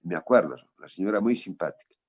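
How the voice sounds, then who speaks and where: A man's voice: low voice, animated, fast talker, a little mellow, breathy edge. A man lecturing on traumatology, telling a patient case in a conversational way and asking for the next slide.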